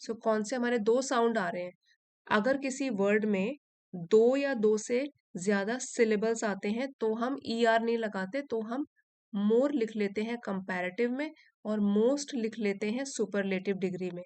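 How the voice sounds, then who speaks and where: A woman teaches English, reading a passage phrase by phrase and explaining each part. She speaks at a very slow, deliberate pace. Her voice sounds dry and close, with no room echo. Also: fairly high pitch, darkish tone. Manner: reads English lines slowly and deliberately, then translates and explains.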